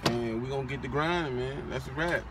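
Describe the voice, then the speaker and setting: A man's voice: mid-range voice, a little fast. A young man chatting casually in a parked car, laid-back and boastful, with plenty of slang and swearing. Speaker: vlogger, aspiring trucker. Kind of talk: casual chat. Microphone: phone camera on the dashboard. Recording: outdoor traffic noise in a car.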